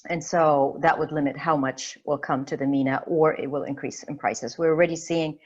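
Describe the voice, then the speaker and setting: A woman's voice: sits low, fairly even intonation, moderate pace, dull audio. A woman from Egypt speaking as a panelist in an online discussion, thoughtful and full of fillers and restarts. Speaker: webinar panelist. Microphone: video call.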